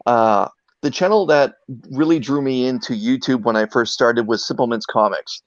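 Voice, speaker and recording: A man's voice: mid-range voice, moderate pace, dry recording. A man as an interview guest, telling anecdotes in a casual, earnest way and often searching for his words. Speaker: interview guest, video creator. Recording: dull, dry lo-fi sound.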